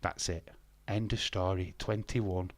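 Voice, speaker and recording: A man's voice: deep voice, steady tone, slow pace, no room sound. A man in his fifties hosting a live stream, reading chat comments aloud and answering them bluntly with sarcasm and frequent swearing. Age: 50s.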